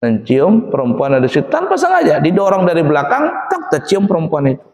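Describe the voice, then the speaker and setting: A man preaching a sermon, telling funny stories in an animated way and acting out the voices of the people in them. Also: fairly high pitch, quick pace. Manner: animated, acts out quoted voices, laughs often. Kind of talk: sermon with humorous storytelling. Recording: echoey hall, long reverb.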